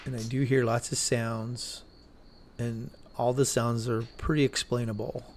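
A man casually narrating as he walks through an abandoned desert building at night, with a camera strapped to his chest, rambling slowly and correcting himself as he goes. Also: medium pitch, little pitch movement, slight background noise. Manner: slow, rambling, self-correcting. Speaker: urban explorer vlogger. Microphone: chest-mounted camera.

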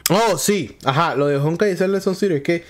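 A Venezuelan man giving excited, slangy gameplay commentary with loud exclamations and rapid repeated words. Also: on the high side. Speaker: gameplay streamer. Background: game music.

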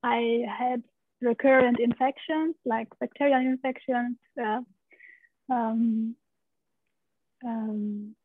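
A Romanian woman in her thirties, a pelvic steam practitioner appearing as a guest, tells her story openly over a video call from her living room, laughing often and gesturing as she talks. Her voice sits a little high with fairly even intonation, and she speaks slowly with long pauses. The laptop-mic audio is dry and tinny, with no echo.

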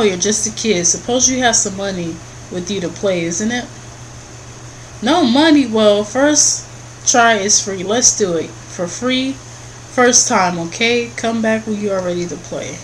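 A shady swamp game-keeper read aloud by a woman from a video game. The delivery is theatrical, taunting and scheming, at a measured pace. A faint room noise runs underneath. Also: on the high side, voice pushed up, close to an everyday voice, low-quality recording.

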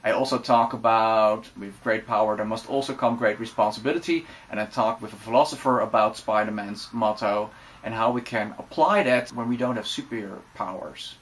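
A Dutch man in his forties with a Dutch accent, chatting relaxed and casually to camera with many fillers in a room lined with bookshelves. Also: fairly low pitch, normal speed. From Netherlands. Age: 40s. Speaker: vlogger. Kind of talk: casual vlog talk to camera.

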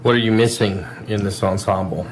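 A man's voice: lowish voice, brisk. A man vlogging at the dinner table at home, chatting playfully with his child in a teasing way, with hesitant fillers. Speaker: vlogger and father. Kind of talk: casual home vlog chat. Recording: roomy echo with light background noise.

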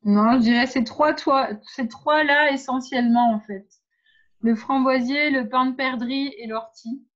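A woman with a fairly high voice leads an informal workshop, talking her listeners through practical tips in a direct, hesitant way. The sound is dull and lo-fi. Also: steady tone, unhurried. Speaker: workshop leader on pregnancy and birth.

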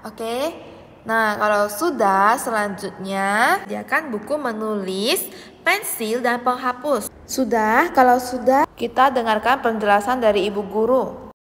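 A woman's voice: fairly high pitch, a little slow, a bit bright. A young adult woman, a kindergarten teacher over-enunciating syllable by syllable as she leads young children through a lesson. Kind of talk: children's reading and writing lesson. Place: indoor room. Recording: reverberant room with background hiss.

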